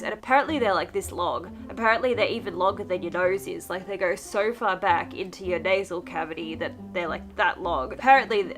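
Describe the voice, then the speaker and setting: A young woman with a congested, packed-nose sound chatting casually to her vlog, telling stories in an animated, candid way. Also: medium pitch. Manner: animated, candid storytelling with acted-out quotes. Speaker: vlogger.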